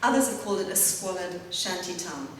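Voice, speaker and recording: A woman's voice: on the low side, brisk. Woman lecturing in a very echoey hall. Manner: reads a prepared text with spoken asides. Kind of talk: academic lecture. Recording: very echoey hall, distant mic, faint hum.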